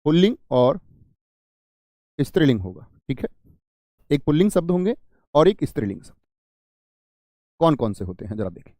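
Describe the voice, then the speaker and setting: A man's voice: fairly high pitch, big pitch swings, moderate pace, pauses often, mellow, no echo, clean studio sound. A man teaching an exam-prep grammar lesson, who asks his students questions, answers them himself and repeats key phrases.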